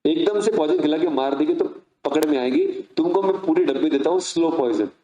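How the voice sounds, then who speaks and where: A man's voice: on the high side, big pitch swings, a little fast, mellow, dull audio. Man doing a lecturing pharmacist brother. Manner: lecturing, teasing. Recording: echoey room.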